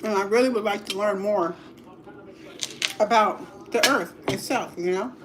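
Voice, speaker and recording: Woman, middle-aged, livestream host, casual eating chat, very slow, hums between bites, faint noise, clinking dishes. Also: medium pitch. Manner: slow and relaxed, savoring food with hums.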